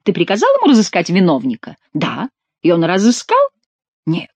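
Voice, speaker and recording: A woman's voice: lowish voice, wildly swooping pitch, moderate pace, slightly rough, no echo, full character voice. A woman voicing a sly, mocking Gascon jester who teases his king with mock familiarity.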